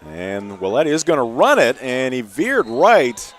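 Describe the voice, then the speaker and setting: A man calling live high school football play-by-play in short running phrases. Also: wildly swooping pitch, measured pace, some chatter behind, slight background noise. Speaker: play-by-play announcer.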